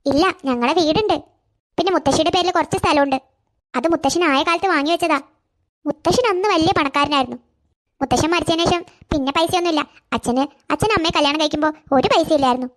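A meek, stammering cartoon schoolgirl in her early teens, voiced by a woman. Her voice sits very high and the words tumble out quickly. She sounds timid and easily brought to tears. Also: close to an everyday voice. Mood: quiet. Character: poor, timid schoolgirl in eighth grade. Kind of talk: cartoon voice acting.

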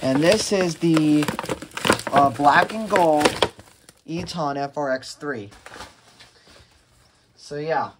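In a noisy home recording full of handling clicks, a man unboxes radios for his vlog. His voice is fairly high and he goes slowly with frequent pauses, rambling casually and hesitantly and often restarting sentences.

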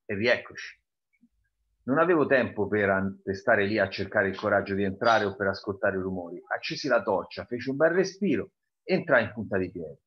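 A man reads a novel aloud in a lowish voice, calm and deliberate. He pauses now and then to comment on the story. The recording is dull and lo-fi. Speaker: reader presenting a novel. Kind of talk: reading aloud with brief commentary.

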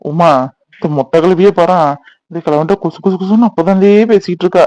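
A man's voice: sits high, steady tone, brisk, darkish tone, no room sound, close to an everyday voice. A man voicing a poor cartoon sari vendor who pleads and complains about his small profit. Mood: complaining. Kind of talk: cartoon voice acting.

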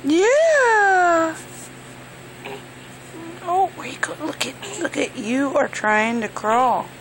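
A woman's voice: very high-pitched, noisy background. A woman cooing to her newborn in sing-song baby talk, gasping and gushing between short phrases. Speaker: mother talking to her newborn.

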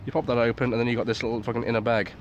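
A man's voice: medium pitch, flat delivery, very fast, lo-fi sound. A man giving a casual, unscripted review, with understated delivery, swearing and muttered asides. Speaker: military surplus gas mask reviewer. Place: outdoors in a garden at night. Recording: clearly noisy outdoor recording.

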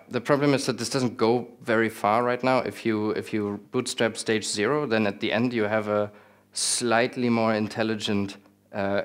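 A young man giving a technical talk with slides in a small lecture room, relaxed, with many fillers and restarts and some dry humor. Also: fairly low pitch. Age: young adult. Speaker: conference speaker.

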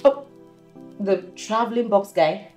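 A woman's voice: mid-range voice, animated, a little slow, darkish tone, faint music behind, lightly acted. A woman playing a bubbly, teasing best friend. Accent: Nigerian English. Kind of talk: film drama dialogue.

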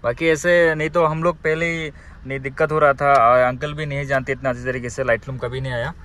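Holding his phone camera at arm's length, a young man records a travel vlog from inside a car and then at an outdoor scenic viewpoint. He talks casually and cheerfully to his viewers as "guys," in a medium-pitched, fairly bright voice that runs a little fast with fairly even intonation.

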